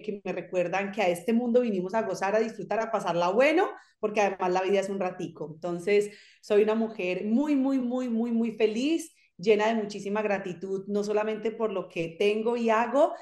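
A woman's voice: medium pitch, darkish tone, echoey room. A Colombian woman with a Colombian accent, a podcast guest talking in a casual interview, upbeat, emphatic and reflective.

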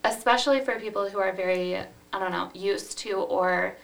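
A woman's voice: medium pitch, normal speed, gravelly, poor audio. A young woman hosting a casual conversation as a therapist, chatty and full of "it's like" fillers. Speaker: therapist host. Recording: faint background noise.

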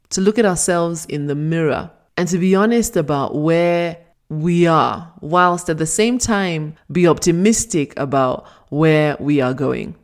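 Slow, deliberate woman motivational speaker. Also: low-pitched. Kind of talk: scripted motivational talk.

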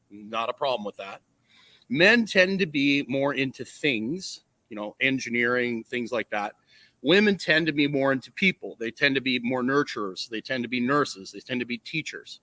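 A man wearing a nasal strip hosts a casual livestream, talking earnestly and explaining his views, often checking in with a quick "right?" or "okay?". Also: medium pitch, bright, forceful tone, dry recording. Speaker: livestream host, coach. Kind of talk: casual livestream monologue, opinion talk. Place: outdoors.

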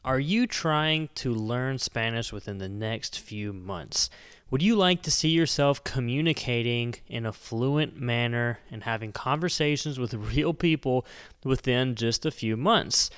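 A man's voice: mid-range voice, fairly bright tone, smooth. Chatty man teaching Spanish. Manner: upbeat and chatty, slows down to spell out Spanish phrases. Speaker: Spanish teacher, podcast host. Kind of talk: casual podcast lesson.

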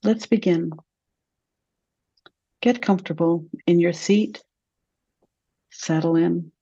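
A woman leading a guided meditation, speaking slowly and softly with long, calm pauses. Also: fairly low pitch, breathy edge, no room sound, lo-fi sound. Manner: slow, soft and soothing, with long pauses.

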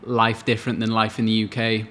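A man's voice: on the low side, monotone, fairly quick, fairly bright tone, slight background noise. A man in his late twenties, co-hosting a podcast and telling a story in casual chat. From Wales. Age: late 20s. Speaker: podcast co-host.

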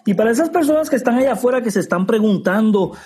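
A man's voice: very high-pitched, animated, fast talker, a little mellow, slightly rough, soft background music. A man hosting an interview, encouraging his guest with frequent affirmations and questions. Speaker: interview host. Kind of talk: conversational interview.

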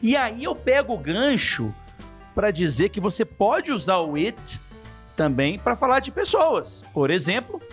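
A man hosting a casual podcast English lesson, acting out example phrases in a lively way. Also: high-pitched, unhurried, faint music behind. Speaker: English teacher, podcast host.

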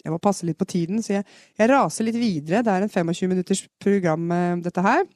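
A woman from Norway giving a chatty live podcast singing lesson, explaining technique and demonstrating vocal fry sounds. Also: on the low side, darkish tone, no room sound, studio quality. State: has a cold. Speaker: singing teacher. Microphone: podcast microphone.

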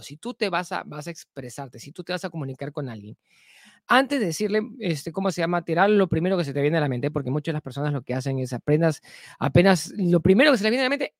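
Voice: mid-range voice, dry recording, studio quality. A speaker teaching, heavy on rhetorical questions. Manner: repeats key phrases and asks rhetorical questions; leans often on the filler "entonces". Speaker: self-improvement speaker. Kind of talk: spoken self-help lesson.

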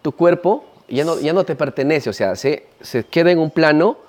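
Lively Peruvian man telling stories. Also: on the high side, normal speed. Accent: Peruvian Spanish. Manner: animated storyteller, acts out quoted voices. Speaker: ayahuasca practitioner. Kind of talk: casual interview talk.

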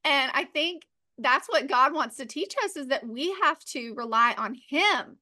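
A woman co-hosting a faith-based business podcast, talking in a chatty, animated way, full of "like" and "right.". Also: sits high, a little slow. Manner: animated, acts out playful quotes. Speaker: podcast co-host.

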